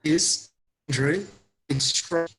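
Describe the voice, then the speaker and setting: A male caller on a video call whose stream audio keeps breaking up and dropping out, halting and asking whether he can be heard. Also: fairly high pitch, fairly bright tone, breathy edge. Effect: live stream audio breaking up and dropping out. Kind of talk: casual chat. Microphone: video call over a weak connection. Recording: distant, choppy internet call audio.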